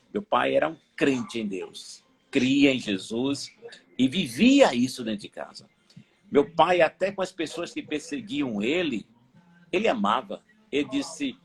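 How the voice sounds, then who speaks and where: A middle-aged man, a pastor telling his testimony as a guest, animated and repeating words for emphasis. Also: a little high, slightly rough. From Aracaju, Brazil. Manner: animated storytelling, emphatic repetition. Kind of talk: personal testimony in a live interview.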